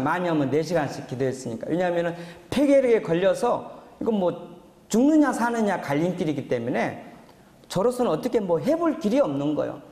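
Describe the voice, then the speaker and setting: A man's voice: on the high side, darkish tone. A man in his sixties, a pastor, telling his testimony in a sermon, earnest and rising into fervent exhortation. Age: 60s. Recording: reverberant church hall.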